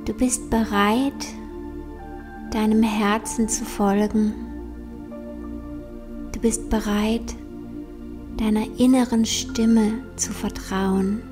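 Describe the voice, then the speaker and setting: A woman guiding a meditation in a soft, breathy near-whisper, soothing and unhurried with long pauses. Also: medium pitch, steady tone. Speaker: meditation guide. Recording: soft new-age music behind. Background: new-age meditation music.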